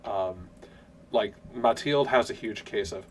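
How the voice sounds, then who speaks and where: Low-voiced man musing as game master. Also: slow, a little hiss or hum. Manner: musing, hedging with fillers, laughs often. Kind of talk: out-of-character tabletop game chat.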